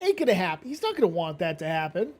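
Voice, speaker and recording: A man's voice: high-pitched, big pitch swings, quick pace. A man hosting a casual commentary stream, rambling and blunt, swearing freely and sounding drowsy from medication. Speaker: commentary channel host.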